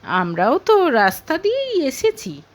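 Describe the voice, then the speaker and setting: In an audio story, a woman gives a full character voice to a haughty, scornful middle-aged mother, pitched high above her own voice. She speaks a little slowly with huge pitch swings, interrogating sharply and snapping with contempt.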